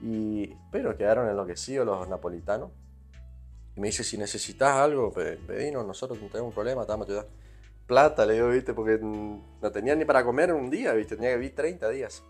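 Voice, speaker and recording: A man's voice: on the low side, fast, a little mellow, breathy edge, faint music behind. Argentine man telling a rambling anecdote. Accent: Argentine Spanish, Corrientes. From Argentina, Corrientes. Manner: rambling anecdotes peppered with "¿viste?". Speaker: guest musician. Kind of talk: casual interview storytelling.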